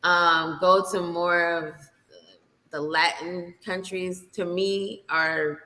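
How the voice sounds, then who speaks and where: A woman chatting casually as a guest, informal and blunt, pausing in the middle of her thoughts. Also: fairly low pitch, steady tone, pushed and bright. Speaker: guest on a live session. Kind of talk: casual chat.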